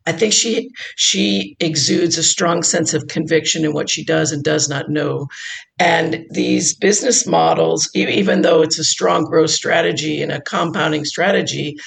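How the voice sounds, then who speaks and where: A woman investor, formerly a chief investment officer, speaking in an interview with measured, deliberate explanations. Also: low-pitched, vocal fry, poor audio. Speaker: investor, former endowment CIO. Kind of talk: interview conversation.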